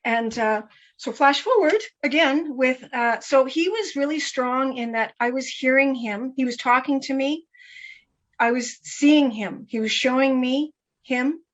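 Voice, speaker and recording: Woman, interview guest, high-ish voice, animated storytelling, repeats words, muffled lo-fi recording. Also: a little slow. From Canada. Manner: animated, repeats herself, acts out quoted voices.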